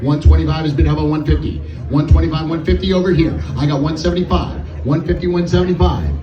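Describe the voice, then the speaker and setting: A man's voice: on the high side, a little fast, muffled recording. A man working as an auctioneer, calling bids in a chant of repeated numbers and filler syllables. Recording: echoey, distant mic with music behind.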